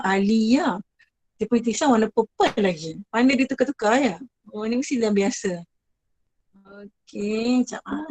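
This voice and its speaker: Woman teacher, Malaysian Malay accent, fairly high voice, dry close sound, chatty, praises students. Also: darkish tone, dry recording, rough recording. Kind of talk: online class with students.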